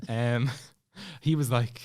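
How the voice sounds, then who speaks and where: Slow and mid-range, the voice is that of a young adult man with an Irish accent, a podcast guest narrating a personal story in relaxed chat. He acts out snatches of dialogue with animation and laughs through asides.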